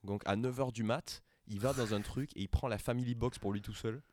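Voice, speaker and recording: A man's voice: medium pitch, fairly even intonation, a little fast, a little mellow, no echo, studio quality. A young man co-hosting a podcast in casual chat, full of crude slang and frequent laughter. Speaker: podcast co-host.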